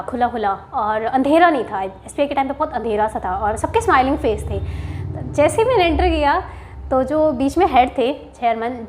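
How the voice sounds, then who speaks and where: High-voiced chatty young woman. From Haryana, India. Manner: chatty, mixes Hindi and English, frequent "theek hai" asides. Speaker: bank officer sharing interview experience. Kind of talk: casual storytelling to camera.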